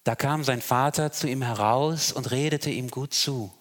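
A man preaching a sermon and reading a Bible passage, slow and measured, with lively emphasis when he reads out the quoted speech. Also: medium pitch. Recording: long hall reverb.

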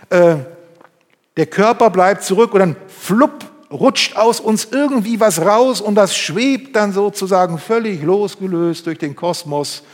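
A man preaching a sermon and reading from the Bible, moving between loud emphasis and hushed, intimate passages. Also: sits high. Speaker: pastor. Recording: long hall reverb.

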